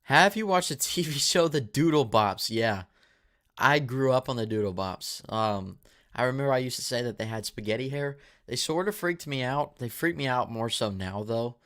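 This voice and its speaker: A man's voice: medium pitch, lively intonation, moderate pace, a bit bright. A man in his twenties hosting a live movie Q&A, reading viewer questions and answering in a casual, rambling way with a dry mouth. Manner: casual, rambling, with fillers and restarts. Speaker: movie channel host.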